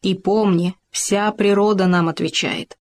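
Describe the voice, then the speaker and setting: A self-assured male hamster from a storybook who lectures his friend with patient insistence. A woman gives him voice while reading. He sounds steady and sure of himself. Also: mid-range voice, unhurried, lightly acted. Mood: encouraging.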